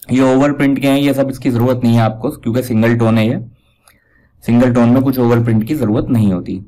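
A man giving a casual step-by-step software tutorial, pointing out each step as he goes. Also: mid-range voice, steady tone, quick pace, poor audio. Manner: talks step by step, repeats "dekhiye" while pointing things out. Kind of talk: casual screen-recorded tutorial.

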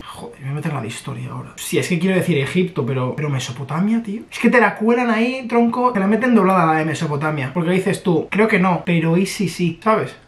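A young man with a Spain Spanish accent taking a quiz on a vlog, boasting, joking and swearing at himself as he goes. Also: sits high. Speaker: YouTuber. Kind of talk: casual quiz vlog commentary. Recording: echoey room with music behind.

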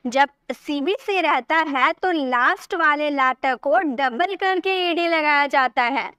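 A woman teaching an English grammar lesson, patiently repeating words slowly and breaking them into syllables. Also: sits high, pushed and bright, no room sound, clean studio sound.

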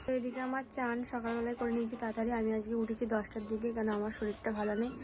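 A young woman with a cold and a sore throat, chatting softly to her viewers at home as a family vlogger. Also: a little high, flat delivery, racing. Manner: soft-spoken, talking quietly while her baby sleeps. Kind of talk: casual chat to viewers. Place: at home indoors. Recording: noisy home recording.

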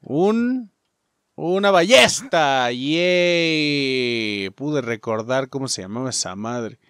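A man's voice: mid-range voice, lively intonation, slow, a bit bright, clean tone, no room sound. A man with a Mexican accent commenting casually on a video game, joking, swearing, and talking to his viewers. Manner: profane, joking, talks to viewers as "muchachos". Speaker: gaming YouTuber. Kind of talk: casual let's play commentary.

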